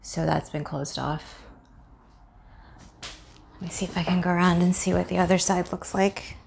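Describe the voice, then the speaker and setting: A woman's voice: on the low side, moderate pace, gravelly. A young woman casually narrating a walkthrough of her home under renovation, filmed on a handheld phone with construction noise behind. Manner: chatty, relaxed narration while walking. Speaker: homeowner vlogger. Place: townhouse under construction, indoors. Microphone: handheld phone camera.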